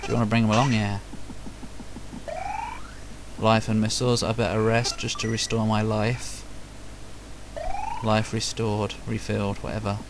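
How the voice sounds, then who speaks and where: Jokey gamer commentating. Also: male voice, on the low side, little pitch movement, normal speed, long pauses, background noise. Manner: jokey, self-mocking, mutters asides. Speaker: let's play host. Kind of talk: casual gameplay commentary. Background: loud game music.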